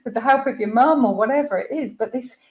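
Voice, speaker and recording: A woman hosts a relaxed interview in a fairly high voice. She sounds encouraging and laughs along easily. Her voice carries the echo of the room she is recording in. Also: fast talker, a little hiss or hum. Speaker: host. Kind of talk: casual interview chat. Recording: echoey room.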